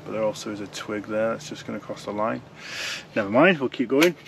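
A man's voice: on the low side, brisk, creaky, background noise. A young man chatting casually as he reviews fishing gear from inside a tent, rambling and restarting his sentences. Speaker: fishing vlogger.

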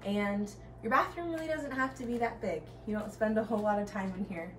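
Talking a little fast in a medium-pitched voice, a young stay-at-home mom who is pregnant gives a casual, upbeat vlog tour of her small home's kitchen, nursery and bathroom as she walks around. A camera a few steps away records roomy, slightly distant audio with faint ambience and slight background noise.

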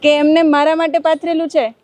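A woman's voice: high voice, level tone, brisk, a little mellow, a little hiss or hum. A woman reporter interviewing schoolgirls on location outside a school, asking playful, teasing questions.

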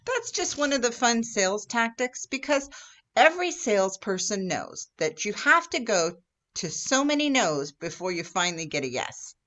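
A woman's voice: fairly high pitch, very animated, moderate pace, fairly bright tone. A woman Girl Scout troop leader giving an upbeat instructional talk for children, sometimes acting out exchanges with customers. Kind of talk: instructional video for kids.

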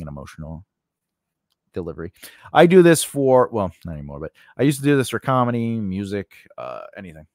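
A middle-aged man with a mid-range voice hosts a screenwriting lesson channel, speaking conversationally and emphatically to camera. He talks close into a stand-mounted studio condenser mic in a small home studio with a cloth backdrop, and the recording has no room sound.

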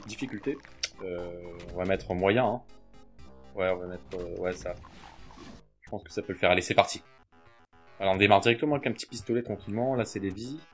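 A young adult man giving casual, hesitant gameplay commentary, full of fillers and offhand swearing, on a desk mic with mouse clicks. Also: on the low side. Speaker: let's play gamer. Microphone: desk mic near mouse and keyboard.

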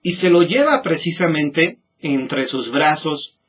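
A Mexican man hosting a show, telling legends in a musing, halting way with frequent restarts. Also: on the high side, animated, a bit bright, slightly rough. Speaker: host. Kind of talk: storytelling commentary.

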